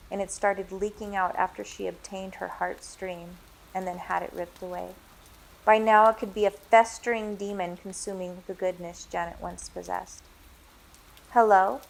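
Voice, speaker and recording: A woman reading her own novel aloud in a measured, dramatic narration. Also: mid-range voice, steady tone, gravelly. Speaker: author reading her book. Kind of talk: storybook reading.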